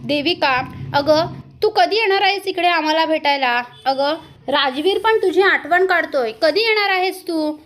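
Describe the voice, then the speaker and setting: A worried mother speaks anxiously on the phone, as a woman narrating puts her on. Her voice is high and pleading. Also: normal speed, a bit bright.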